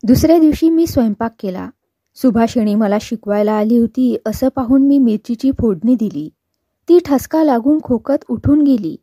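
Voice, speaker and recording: Narrator, woman, higher pitch, mellow tone, dry close sound, steady storybook reading. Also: moderate pace, husky, no room sound, lo-fi sound. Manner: steady, even storytelling with quoted dialogue. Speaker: novel reader. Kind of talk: scripted narration of a novel.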